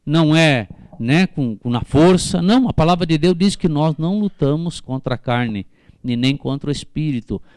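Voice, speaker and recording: A man's voice: on the high side, dry recording. A man with a Brazilian Portuguese accent preaching a sermon at a church service, fervently putting questions to the congregation by name. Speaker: pastor.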